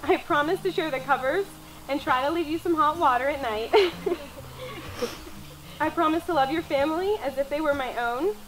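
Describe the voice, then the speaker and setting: A woman's voice: sits high, fairly quick, fairly bright tone, slight background noise, low-quality recording. A young woman, a bride, reading her personal wedding vows in an earnest, tender way, as if speaking to her partner. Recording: music laid over the voice. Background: music.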